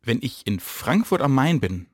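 A man's voice: medium pitch, sing-song, moderate pace, no echo, studio quality. A man co-hosting a podcast in casual comedic chat, rambling and playful, often trailing off mid-sentence. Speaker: podcast co-host.

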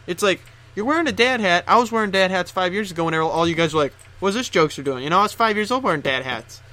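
Bright kinda high guy rambling jokey opinions on a podcast. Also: fast. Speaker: podcast co-host. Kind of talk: casual chat.

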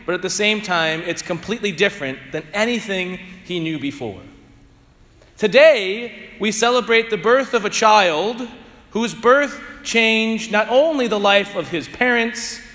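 A man speaking as clergy at a church liturgy, solemn and measured, with cathedral echo around the voice. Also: high-pitched, expressive, fairly bright tone. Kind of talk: chanted liturgy, Gospel reading and homily. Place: large reverberant church.

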